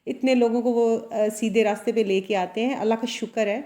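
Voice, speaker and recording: A woman's voice: fairly high pitch, steady tone, fairly quick, warm tone. A woman who runs a salon and a boutique, talking earnestly and confidingly to her viewers about her own life, often checking in with them as she goes. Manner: earnest, confiding, with frequent tag questions. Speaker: vlogger. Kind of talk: personal motivational talk to camera.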